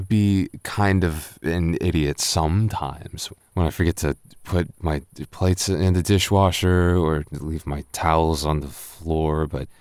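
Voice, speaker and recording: In a boyfriend roleplay audio, a man voices a tipsy young roommate with a very low, unhurried, smooth and darkish voice. Stammering and rambling, he teases sweetly while being flustered and secretly smitten. The sound is close and dry, with no room sound.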